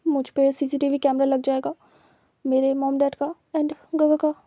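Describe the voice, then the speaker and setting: Woman reading a panicky young guy, hurried aside, high flat voice. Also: no room sound, natural voice. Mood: panicked. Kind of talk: dramatized story reading.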